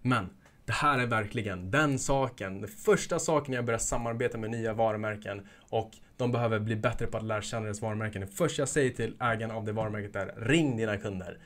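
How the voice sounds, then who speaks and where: A young man giving a casual instructional talk as an e-commerce coach, energetic and hyping things up with jokey asides. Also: lowish voice.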